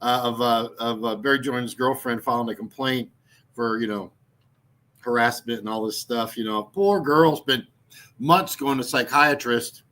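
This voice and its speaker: Speaking at a normal pace in a mid-range voice with a sharp tone, this YouTube host in his sixties chats loosely on his channel. His talk wanders, full of fillers and restarts, and he mocks things while chuckling at his own jokes.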